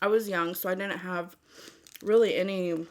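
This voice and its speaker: Female food vlogger, lowish pitch, informal and rambling, talking straight to viewers at an easy, unhurried gait. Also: steady tone. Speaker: mukbang vlogger. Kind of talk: casual chat to viewers.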